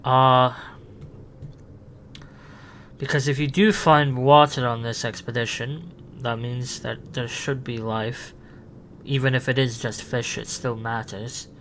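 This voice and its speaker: A man's voice: mid-range voice, fairly even intonation, slow, long pauses, a bit bright. Guy doing the doctor, eager, trips over his words, slight hiss. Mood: urgent. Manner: improvising with restarts and fillers, eager. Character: the Doctor, a male alien time traveller, curious and urgent. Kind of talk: improvised fan audio drama.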